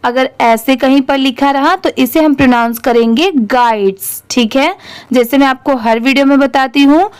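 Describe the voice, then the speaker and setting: A young woman teaching English reading, spelling each word letter by letter and sounding it out slowly. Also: high voice. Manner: spells words letter by letter, slow and deliberate. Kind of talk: Hindi-language reading lesson.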